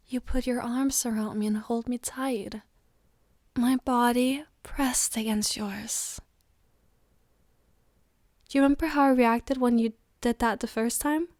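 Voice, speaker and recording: A woman playing a loving, tired girlfriend on a late-night call, in a soft, intimate ASMR role-play. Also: fairly high pitch, no room sound, studio quality, close to an everyday voice. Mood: teasing, tender.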